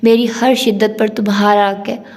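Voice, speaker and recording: A woman's voice: mid-range voice, level tone, moderate pace, darkish tone, close to an everyday voice. Woman reading as a teasing young husband. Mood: intense. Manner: teasing, bantering. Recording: long hall reverb.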